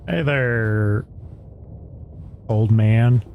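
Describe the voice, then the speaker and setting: Gravelly-voiced man chatting while playing. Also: lowish voice, extremely slow, phone-quality sound, slight background noise. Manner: chatty, wry asides to the game. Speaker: player. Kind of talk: casual let's-play commentary.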